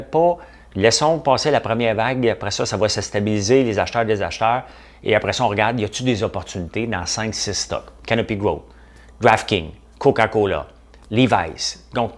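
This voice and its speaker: A middle-aged man with a Québécois French accent, chatting casually and bluntly on a live stream as host, answering viewers with animated, dismissive asides. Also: lowish voice. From Quebec. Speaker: host of a daily news and markets show.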